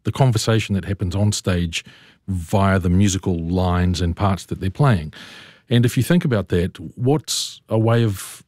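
Low-voiced composer explaining at length. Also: male voice, unhurried, a little mellow, dry recording, clean studio sound. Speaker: composer guest. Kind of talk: radio interview conversation.

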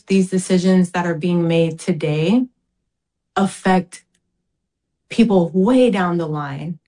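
Woman from American Samoa, fairly low voice, earnest and measured interview guest speaking up for her community. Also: dark tone, rough recording. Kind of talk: interview answers.

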